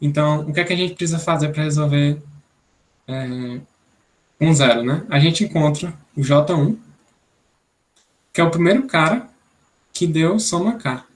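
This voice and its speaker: A man's voice: a little high, moderate pace, long pauses. Young Brazilian man explaining algorithms. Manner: explanatory, thinks aloud, many "né?" tags. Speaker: instructor. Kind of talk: online programming class.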